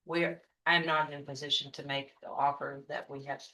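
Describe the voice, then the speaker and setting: A woman prosecutor addressing a judge in a courtroom, careful and measured. Her voice is flat in pitch with a bright, tense edge. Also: poor audio.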